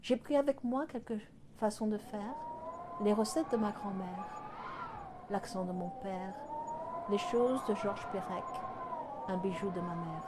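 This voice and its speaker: A woman calmly reciting a reflective spoken-word piece, ambient noise behind. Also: medium pitch, unhurried. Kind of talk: poetic spoken-word narration.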